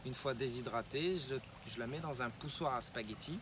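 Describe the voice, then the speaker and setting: Man calmly explaining his farm work. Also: mid-range voice, a little fast, crowd noise. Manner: patient, step-by-step explaining. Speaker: spirulina farmer. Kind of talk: explanatory interview. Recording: noisy ambient background.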